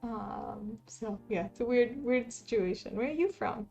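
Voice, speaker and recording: A woman from Palestine streaming while she cross-stitches, chatting casually with viewers, reading chat aloud and laughing softly. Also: a little high, measured pace, gravelly, dull audio, faint music behind. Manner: laid-back, chatty, frequent soft laughs, reads chat aloud. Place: home, lives in Taiwan.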